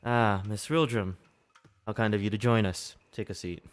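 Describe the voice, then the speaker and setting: A man playing a curt, low-voiced schoolteacher. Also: steady tone, moderate pace, soft background music, close to an everyday voice. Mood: dry, dismissive. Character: curt, dry male classroom teacher in a tabletop game.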